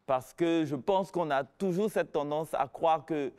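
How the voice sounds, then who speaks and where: A man's voice: a little high, a little slow, darkish tone, clear, resonant tone. A man co-hosting a TV studio chat, talking in an earnest, emphatic way. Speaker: studio co-host. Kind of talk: casual chat.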